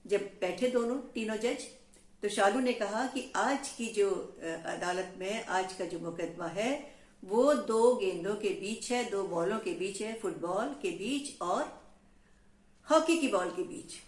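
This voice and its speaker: Slow, expressive woman telling a children's story. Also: medium pitch. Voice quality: expressive, checks in with listeners. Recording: echoey room.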